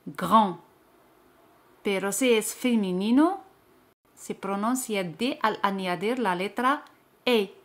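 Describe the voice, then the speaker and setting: A woman teaching French vocabulary in a slow lesson, repeating each word clearly. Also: mid-range voice.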